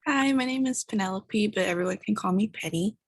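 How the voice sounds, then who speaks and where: Halting young woman student, dry sound. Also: medium pitch, husky, no echo. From San Diego. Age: young adult. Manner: halting, repeats words.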